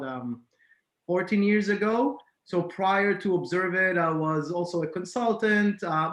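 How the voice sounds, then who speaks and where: This man grew up in Israel and speaks in a slightly raised pitch. He talks casually as a podcast guest, hesitating and restarting often. His voice carries noticeable room echo. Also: a bit bright. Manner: hesitant, many fillers and restarts. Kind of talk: casual interview talk. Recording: echoey room.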